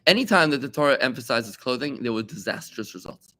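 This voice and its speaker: A man, a rabbi, teaching a Talmud class to students, animated and full of rhetorical questions, repeating key points for emphasis. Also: medium pitch, quick pace. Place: study room with students.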